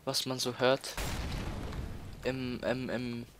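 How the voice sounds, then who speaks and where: Slow and flat, his mid-range voice comes through a noisy background. The speaker is a teenage let's player from Austria, casually commentating on a game with plenty of fillers, repetitions and stalling.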